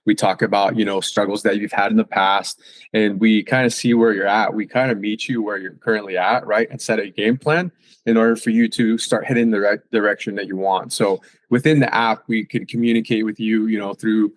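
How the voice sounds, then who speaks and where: A man's voice: on the low side, steady tone, brisk, no room sound. A man who works as a fitness and nutrition coach, talking casually and emphatically, with lots of fillers and tag questions. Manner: casual, emphatic, many fillers and "right?" tags. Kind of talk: casual podcast conversation.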